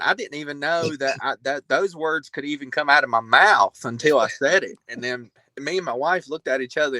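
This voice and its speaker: A man of thirty telling stories as a podcast guest in a loose, relaxed, conversational way. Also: fairly high pitch, dry recording, rough recording. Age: 30s. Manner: laid-back storytelling, loose and conversational. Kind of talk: casual chat.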